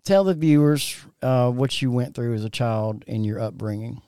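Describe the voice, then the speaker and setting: A man hosts a conversation and asks his guest questions in a mid-pitched, everyday voice. He stumbles and restarts often. The sound is dry and close. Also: moderate pace, dark tone, smooth, dry recording. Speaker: host. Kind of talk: interviewing a guest.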